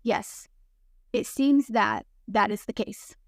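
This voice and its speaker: A woman's voice: mid-range voice, very animated, slow pace, no echo, studio quality, exaggerated voice. Ginny, a woman reading as a giddy young witch. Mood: confiding. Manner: grinning, chatty.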